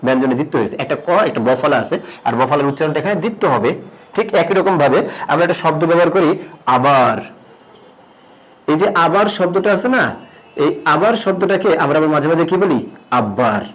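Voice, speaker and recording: Bengali grammar teacher, higher male voice. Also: expressive, a bit bright, rough recording. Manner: asks questions and answers them himself; drops pitch and slows on key terms. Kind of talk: recorded grammar lesson.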